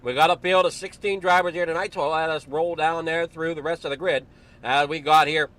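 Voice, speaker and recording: A man's voice: a little high, fairly even intonation, brisk, fairly bright tone. A man commentating an online sim race broadcast, casual and a little out of breath, running through the starting grid. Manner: casual, apologetic, slightly rambling.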